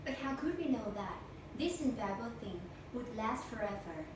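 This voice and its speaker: A young woman recites a memorized speech for a competition, stiff and deliberate. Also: fairly high pitch, big pitch swings. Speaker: speech contestant. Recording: echo-heavy room, distant mic, noisy.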